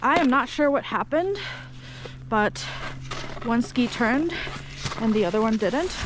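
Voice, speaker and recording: A woman's voice: fairly high pitch, expressive, unhurried, noisy background. A young woman vlogging while she skis, chatting casually and exclaiming as she goes, recorded outdoors on an action camera. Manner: chatty, exclaiming, frustrated about rocks. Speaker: ski vlogger. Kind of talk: casual vlog commentary. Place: outdoors on a ski slope. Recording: music playing under the voice.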